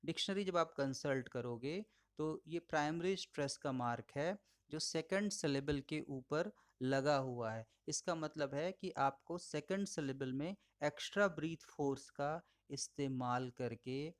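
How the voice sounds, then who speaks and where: A man giving a recorded audio lecture, explaining patiently, addressing listeners as friends and slowing down to model words. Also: fairly high pitch. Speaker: English teacher.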